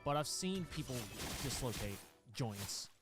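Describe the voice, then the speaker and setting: A young man telling a story in casual chat, animated and swearing freely. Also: mid-range voice, a little slow. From Australia. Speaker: streamer. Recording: music playing behind.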